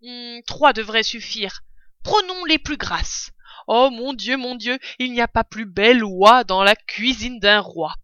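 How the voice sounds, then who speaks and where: A woman's voice: fairly high pitch, animated, a little slow, a bit bright, no room sound. A woman voicing a proud, cunning male fox father in a storybook reading, with an exuberant, bossy, theatrical manner, on a dull lo-fi recording. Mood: gleeful.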